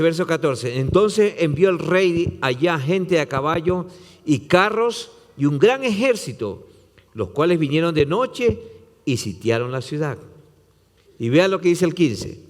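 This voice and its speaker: A man's voice: a little high, in a large hall. A man, a pastor preaching a sermon, retelling scripture with dramatic voicing and repetition.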